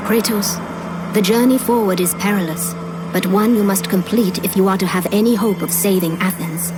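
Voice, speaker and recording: An actress playing a commanding Greek goddess, speaking in a stately, formal, deliberate way in a video game. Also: female voice, mid-range voice, over loud music, lightly acted. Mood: solemn. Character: regal, commanding Greek goddess of war and wisdom. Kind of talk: dramatic video game acting.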